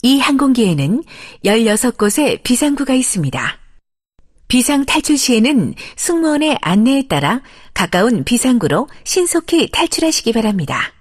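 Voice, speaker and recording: High-pitched woman making a cabin announcement. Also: husky. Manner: formal, polite announcing. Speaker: flight attendant announcer. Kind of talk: plane cabin safety announcement, scripted.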